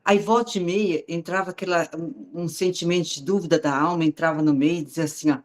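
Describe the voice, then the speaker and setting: A woman's voice: lowish voice, fairly even intonation, brisk. A woman, sharing a heartfelt personal faith testimony in a conversational, storytelling way and speaking directly to her listeners.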